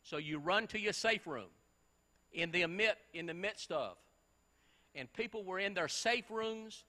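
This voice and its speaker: Pastor guy preaching hard, high forceful voice, long echo off the church walls. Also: lively intonation, measured pace. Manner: emphatic preaching, rhetorical questions to the congregation. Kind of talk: sermon. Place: church sanctuary.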